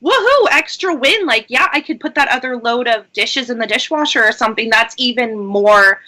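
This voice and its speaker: A woman in her thirties co-hosting a casual live chat, animated and emphatic, laughing often. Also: a little high, fairly quick. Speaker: co-host. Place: at home, live video chat.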